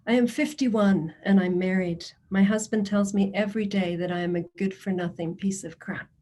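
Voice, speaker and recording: A woman presenting for social services gives a prepared address to a committee, reading testimonies in the first person. Her medium-pitched voice is steady and darkish, and her delivery is measured and earnest.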